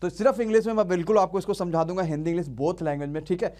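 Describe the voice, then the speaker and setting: Man with a high voice, exam coaching teacher, energetic quizzing, call-and-response drilling. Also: fast talker. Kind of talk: live online class.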